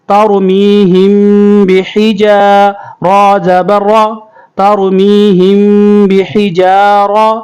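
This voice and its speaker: High, smooth male Quran teacher. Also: darkish tone. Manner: alternates quick explanations with slow, drawn-out recitation; addresses children as pupils. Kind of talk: tajweed lesson, spelling out and chanting Arabic words.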